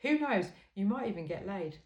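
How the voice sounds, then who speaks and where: A medium-pitched woman reads in a sing-song way at a moderate pace, and the highs in the audio are cut off. She delivers a humorous self-help book informally, wry and emphatic, with chatty asides, in an echoey, roomy recording.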